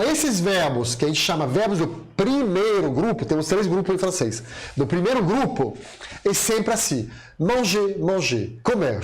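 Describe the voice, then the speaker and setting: A native French-speaking man teaching a French grammar lesson, lively and drilling pronunciation with his learners. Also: high-pitched. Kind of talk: online language lesson.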